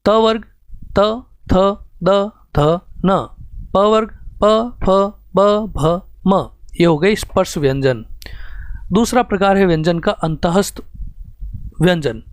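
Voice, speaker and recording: High-voiced man teaching a grammar lesson. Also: no echo. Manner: explains step by step, reads out examples one by one. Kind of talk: exam-prep grammar lesson.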